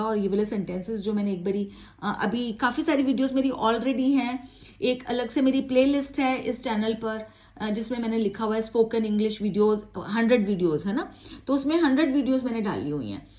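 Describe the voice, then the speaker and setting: A woman teaching spoken English in a chatty, encouraging way, reading English example sentences slowly and with exaggeration. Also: a little high, darkish tone.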